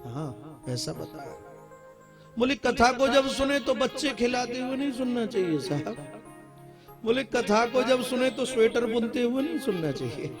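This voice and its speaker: High-voiced Hindi preacher over loud music. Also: male voice, sing-song. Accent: North Indian Hindi. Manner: emphatic storytelling, repeating key phrases; chants Sanskrit verses slowly. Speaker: preacher giving a scripture discourse. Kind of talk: devotional sermon.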